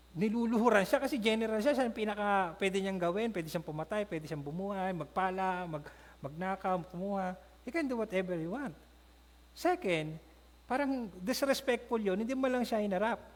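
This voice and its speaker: Filipino-accented male pastor, high voice, animated storyteller, long hall echo. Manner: storytelling, acting out characters' lines. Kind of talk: Bible class teaching. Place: church hall.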